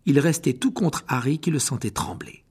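Very breathy man reading a storybook. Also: mid-range voice, sing-song, normal speed, a little mellow. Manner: dramatic, often drops to a whisper. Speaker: audiobook narrator. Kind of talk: expressive audiobook reading.

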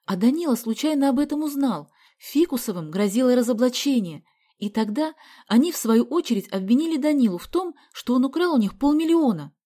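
A woman's voice: high-pitched, expressive, a little fast, warm tone, voice pushed up. A woman doing an earnest young schoolgirl. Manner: earnest, explaining.

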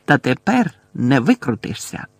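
A man reading an audiobook voices a cruel, sugary middle-aged woman professor who speaks slowly with gloating, breathy menace. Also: medium pitch, big pitch swings, dry recording, exaggerated voice.

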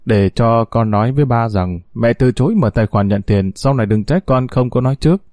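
An angry grown son in an audio story, pressing his mother with sharp, accusing questions, as a male narrator plays him. The voice is warm and mellow, with a dry, close sound. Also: medium pitch, fairly quick, dry recording, close to an everyday voice. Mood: firm.

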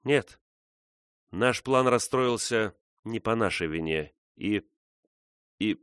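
A man voicing a young woman, soft and restrained, in a read-aloud story. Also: fairly low pitch, animated, takes it slowly, clear, resonant tone, dry recording, clean studio sound. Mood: sorrowful. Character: young woman, tearful and resolute.

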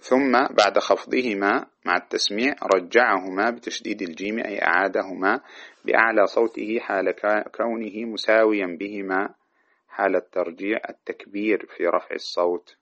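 A man's voice: lowish voice, fairly even intonation, normal speed, a bit bright. A man teaching Islamic jurisprudence, reading a classical text aloud and then explaining it in plain talk. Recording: dull lo-fi recording.

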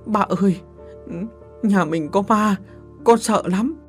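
Man doing a high, shrill, frightened young woman, sobbing, storybook horror. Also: slow, faint music behind. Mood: sobbing fear. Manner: shrieking, sobbing pleas. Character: terrified young woman, crying daughter.

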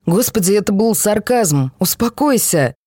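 A woman's voice: medium pitch, expressive, moderate pace, warm tone, slightly rough, dry recording, clean studio sound, pitched above the performer's own voice. A woman reading the lines of a blunt, sarcastic young man who teases everyone around him. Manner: sarcastic, teasing.

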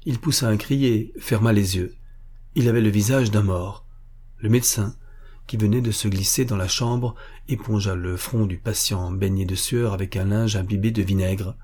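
Low, dark-toned male audiobook narrator, steady, steady. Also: breathy edge. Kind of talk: scripted narration.

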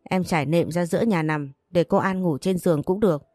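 A woman's voice: lowish voice, brisk, mellow, no room sound, studio quality, soft background music, close to an everyday voice. A woman voicing a soothing, indulgent young husband. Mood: placating. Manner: soothing and placating. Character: indulgent young husband doting on his sister.

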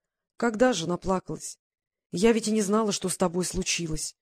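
A reader voicing a tender, earnest young woman in love, asking gentle, anxious questions in a Russian audiobook. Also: mid-range voice, normal speed, natural voice.

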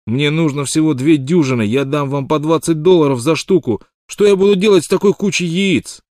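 A man's voice: on the high side, darkish tone, dry recording, clean studio sound, voice pushed up, natural voice. A man reading an audiobook, voicing a hot-tempered, lovesick rich male miner who blusters and pleads. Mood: pleading. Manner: blustering, pleading, quick to rage. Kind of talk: audiobook character voice.

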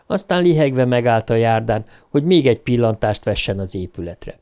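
A male narrator reads an audiobook in a warm, mellow voice at a middle pitch. His storytelling is measured and even.

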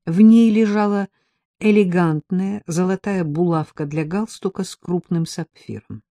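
A woman reading a first-person audiobook in a steady storytelling manner with a touch of dry irony. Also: fairly low pitch, unhurried, dry recording. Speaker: audiobook narrator.

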